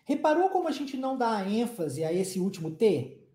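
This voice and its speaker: A Brazilian woman teaches an English lesson in a mellow, higher-pitched voice that swoops up and down. She coaxes her students along, checks in with them often, and slows right down for the model sentences. The room around her is echoey. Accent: Brazilian Portuguese. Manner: lively, coaxing, with frequent check-ins to the listener; says English model sentences slowly and deliberately. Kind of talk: live online language lesson.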